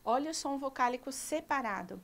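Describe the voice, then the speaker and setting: A woman teacher with a Brazilian Portuguese accent giving a televised school lesson, pronouncing each example word slowly and deliberately. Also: high-pitched, animated. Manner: slow, clear, pronounces example words deliberately.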